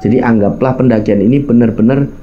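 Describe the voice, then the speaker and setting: A man with a Javanese accent and a medium-pitched, fairly even voice recounts his personal mountain hike at a quick pace, over soft background music with the highs cut off. Speaking colloquially to his listeners, he acts out dialogue and blends in local expressions.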